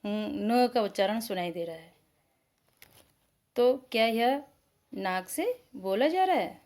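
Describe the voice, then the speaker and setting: A woman teaching a school lesson to children, asking questions and answering them herself, sounding out each letter slowly. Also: fairly high pitch, lively intonation, darkish tone. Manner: slow, spelled-out pronunciation.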